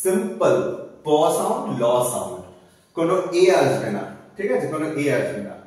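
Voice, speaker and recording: A man's voice: fairly high pitch, sing-song, moderate pace, a little mellow. Male phonetics teacher in an echoey room. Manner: spells out sounds one by one, repeating words. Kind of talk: online class teaching transcription. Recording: echoey room, far from the mic.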